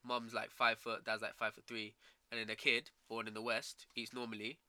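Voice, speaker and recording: A man's voice: on the low side, flat delivery, normal speed, sharp tone. A young man with a London roadman accent chatting casually with friends in slangy, sweary talk. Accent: London, urban street slang. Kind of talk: casual chat among friends.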